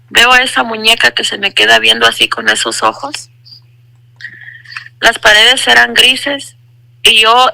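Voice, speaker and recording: Bright, gravelly woman giving testimony. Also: fairly high pitch, dry recording, low-quality recording. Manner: earnest, repeats phrases for emphasis; addresses listener as brother. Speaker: testimony speaker. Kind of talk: personal religious testimony.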